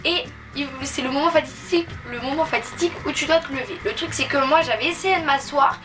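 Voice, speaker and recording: A woman's voice: sits high, brisk. A young adult woman telling a personal story in a casual, chatty vlog style, informally acting out remembered exchanges. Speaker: vlogger. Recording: distant mic, clear music behind. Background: music.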